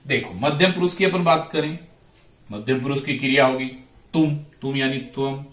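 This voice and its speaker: A man's voice: medium pitch, normal speed, fairly bright tone. A man teaching Sanskrit grammar, drawing out each word and repeating verb forms aloud. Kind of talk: slow classroom explanation. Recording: echoey room, voice from a distance.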